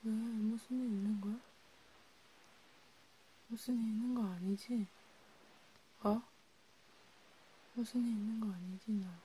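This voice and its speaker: A woman in a whispered role-play, comforting a friend softly and soothingly, slipping between a quiet voice and a whisper. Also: fairly high pitch, steady tone, slow pace, long pauses, slight background noise, low-quality recording. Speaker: ASMR creator.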